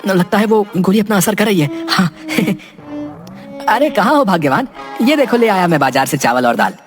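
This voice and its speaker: An actor voicing a simple, scheming village husband in a cartoon, who talks to himself with chuckles and drawn-out exclamations. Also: mid-range voice, expressive, music in the background, close to an everyday voice.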